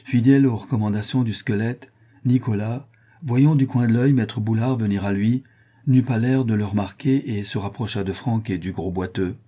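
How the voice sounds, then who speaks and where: A man's voice: on the low side, normal speed, dark tone, slightly rough. A man narrating a classic novel as an audiobook, animatedly voicing the dialogue. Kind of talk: scripted narration.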